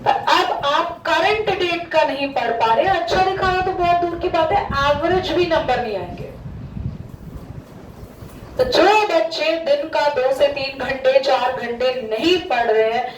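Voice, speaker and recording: A woman's voice: high-pitched, measured pace, slight background noise. A woman maths teacher giving a classroom lesson, scolding students and mixing Hindi with English. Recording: echoey room from far off.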